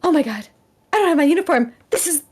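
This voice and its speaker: A woman's voice: sits high, normal speed, darkish tone, voice pushed up, lightly acted. A woman voicing a bubbly, flustered young parcel officer who gushes and rambles. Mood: gushing.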